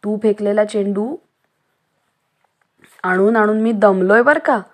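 A woman's voice: medium pitch, slow pace. Woman voicing a breathless, fussy little rabbit. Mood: breathless complaint. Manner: breathless, complaining. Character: small, fussy young male rabbit.

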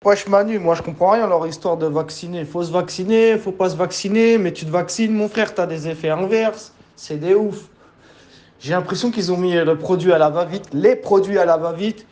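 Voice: mid-range voice, normal speed, darkish tone. A speaker chatting casually with friends on a call, using street slang and telling stories animatedly. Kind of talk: casual chat.

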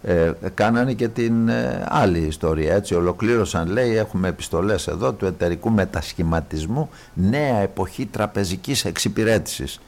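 Male radio host, lowish voice, blunt and direct, steers the talk. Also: animated, vocal fry, hardly any pauses, a little mellow. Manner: blunt, presses for short answers, keeps time. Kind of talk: radio talk show discussion.

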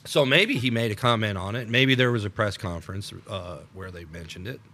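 Casting: American male podcast co-host, low and forceful, repeated starts. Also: fairly quick. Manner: rambling with frequent repeated starts, laughs. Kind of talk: unscripted political chat.

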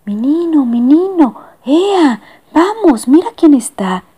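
A woman voicing a doting, fussy lady passenger in a storybook reading, with a high cooing manner. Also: very animated, takes it slowly, mellow, heavily acted.

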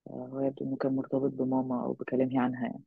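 A woman speaks Egyptian Arabic in a gravelly, husky voice. She recounts personal experience in a halting, reflective way, letting phrases trail off. The sound is thin and narrow, like a phone line. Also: extremely low pitch, monotone, no room sound, soft background music. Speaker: interview guest. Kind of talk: personal interview account.

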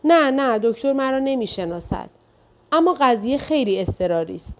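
Woman reader as a frantic young wife, pitched up high, rapid pleading questions. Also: expressive. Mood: urgent. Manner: anxious and insistent, firing quick questions.

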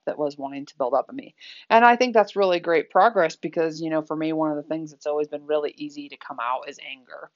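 A woman's voice: on the low side, highs cut off. A woman speaking candidly in a reflective personal talk, conversational and full of fillers.

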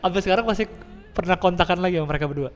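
Quick interviewer man with short replies. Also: sits high. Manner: short backchannels and quick follow-up questions. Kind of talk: casual interview. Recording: long reverb.

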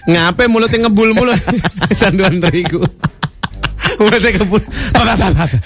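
Joking man, slightly high voice. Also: fast talker, soft background music. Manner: teasing, laughs often. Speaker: radio host. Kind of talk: joking on-air banter.

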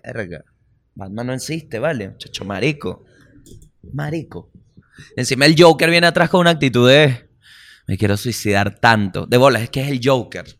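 A man with a Venezuelan accent hosting a casual comedy podcast, animated, slangy and profane. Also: medium pitch, moderate pace. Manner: animated, slangy and profane, acts out little voices. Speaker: podcast host.

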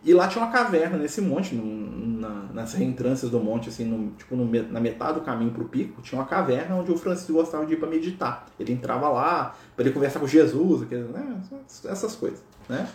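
A man's voice: medium pitch, lively intonation, a little fast, hardly any pauses, roomy sound. A man telling a spiritual story as a lecture, chatty and conversational, constantly checking in with his listeners. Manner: conversational, peppered with tag questions.

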